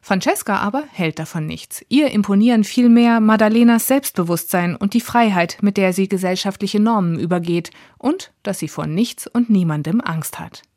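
A woman's voice: medium pitch, moderate pace, few pauses, darkish tone, dry recording, clean studio sound. A woman reading a scripted book review for radio.

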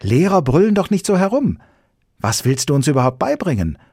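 A man's voice: on the high side, sing-song, fairly quick, darkish tone, slightly rough, dry recording, clean studio sound, voice pushed up, full character voice. A man voicing a skeptical little schoolgirl while reading a children's book aloud. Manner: doubtful, reproachful. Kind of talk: audiobook reading.

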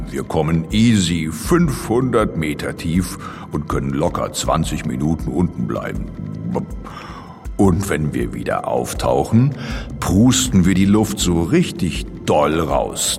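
A man's voice: rumbling low, sing-song, measured pace, creaky, big-room sound, faint music behind, exaggerated voice. A man playing an easygoing, boastful, friendly giant blue whale, explaining things colloquially in a playful children's audio feature. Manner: colloquial, addresses the young listener directly.

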